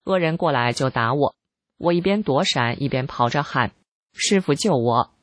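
A reader giving scripted narration of a first-person article in a calm, measured, even way. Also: medium pitch, no room sound.

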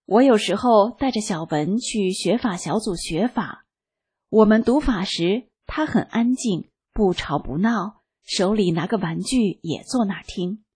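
A woman reading a first-person testimony aloud as scripted narration, in a slow, calm and even manner. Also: medium pitch, husky. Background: faint background music.

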